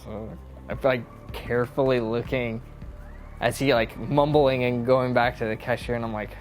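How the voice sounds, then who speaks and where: A man being interviewed, telling a story in an excitable, profane way. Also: medium pitch, normal speed, soft background music.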